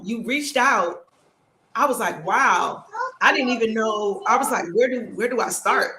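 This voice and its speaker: A woman in her forties hosting a casual podcast interview, animated and chatty, often bursting into excited exclamations. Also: mid-range voice. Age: 40s. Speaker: podcast host. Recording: echoey room with audible background noise.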